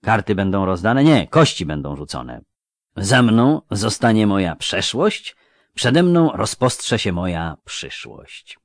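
A man's voice: on the low side, big pitch swings, takes it slowly, dry recording, clean studio sound, full character voice. A man voicing a frightened teenage boy, anxious and pleading, in an audiobook. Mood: brooding. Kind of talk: audiobook character voice.

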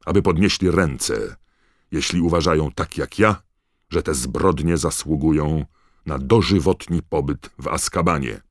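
A man's voice: very deep voice, a little slow, dry recording, studio quality, voice pushed up. A man voicing a stern, cold older judge who roars his verdicts in an audiobook. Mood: thundering. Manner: roaring, emphatic pronouncements. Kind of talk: audiobook character voice.

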